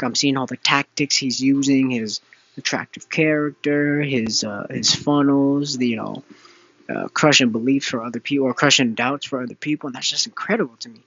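A man's voice: medium pitch, fairly bright tone, dull audio. A young man hosting a casual solo podcast, rambling with many fillers and restarts. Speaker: podcast host.

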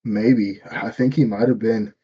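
A man co-hosting a casual podcast, calm and measured, agreeing and weighing in. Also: lowish voice, husky. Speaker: podcast co-host. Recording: dull lo-fi mic.

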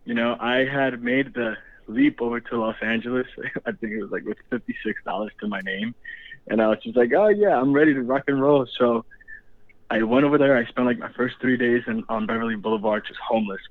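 A man's voice: medium pitch, lively intonation, a little fast, no room sound. Laid-back young man on a phone line. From Dominican Republic. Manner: laid-back, laughs often, many fillers. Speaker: guest actor. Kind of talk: casual interview.

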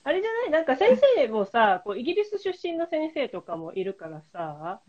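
A woman hosting a casual podcast chat, her voice sitting a touch high and swinging widely in pitch as she talks. She rambles a little, fills pauses, and steers the conversation with questions. The sound is slightly dull and lo-fi, as over a remote link. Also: very animated, a little mellow. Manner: chatty, lots of fillers, leading the questions. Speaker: podcast host.

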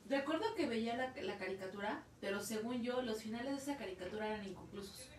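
A young Mexican woman with a high voice talks in animated, slangy chat, swearing freely. She sits off-mic in an echoey room, with faint background noise. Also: fast talker, far from the mic. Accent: Mexican Spanish. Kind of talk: casual chat.

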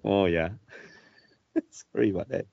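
A man co-hosting a casual podcast, talking in halting bursts, repeating himself and laughing often. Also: deep voice, gravelly, no echo. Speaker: podcast co-host. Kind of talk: casual chat. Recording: dry, dull lo-fi sound.

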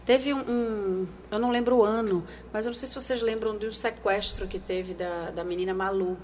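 A woman from Brazil with a Northeastern Brazilian accent, a former TV news anchor telling stories in an interview, animated and acting out remembered voices. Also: mid-range voice, moderate pace, slight background noise. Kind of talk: conversational interview.

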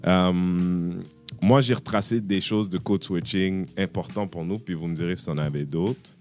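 A man's voice: sits low, normal speed, a little mellow, soft background music. A man hosting a casual podcast chat, asking questions and slipping into English phrases. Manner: conversational, asks questions, switches into English phrases. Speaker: podcast host.

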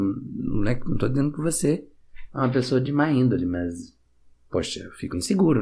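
A man with a Brazilian Portuguese accent telling a casual, self-mocking story to camera, acting out each side of the conversation with sudden jumps in pitch. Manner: animated, acts out dialogue with sudden pitch jumps.

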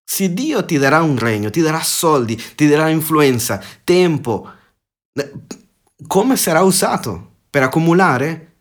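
A man's voice: fairly high pitch, very animated, a little slow. A man giving a podcast sermon, earnest, asking rhetorical questions and often restarting words mid-phrase. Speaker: preacher.

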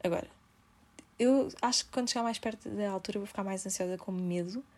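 A woman's voice: medium pitch, quick pace, a little mellow. A young woman in her twenties, speaking with a European Portuguese accent and hosting her own podcast. She talks alone in an informal, chatty way, full of slang and English words. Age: 20s. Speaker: podcast host. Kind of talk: casual monologue.

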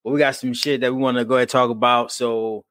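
A man's voice: mid-range voice, little pitch movement, fast talker, fairly bright tone, dry recording, clean studio sound. Laughing, profane podcast co-host man. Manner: laughs often, loose and profane. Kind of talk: casual chat.

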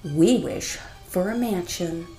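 Two greedy young men, as a woman narrator puts them on, blurting out wishes in quick, eager bursts. Soft music runs faintly behind. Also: fairly low pitch, reverberant.

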